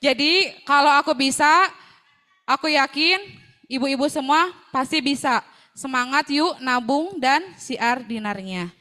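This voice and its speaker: A woman's voice: sits high, measured pace, sharp tone. A young woman, chatting through a personal testimonial with many devout phrases. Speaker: seller sharing a success story.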